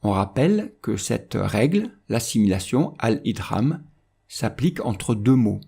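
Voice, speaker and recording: A man teaching Quran recitation rules in a calm, measured instructional voice-over. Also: on the low side, gravelly, breathy edge.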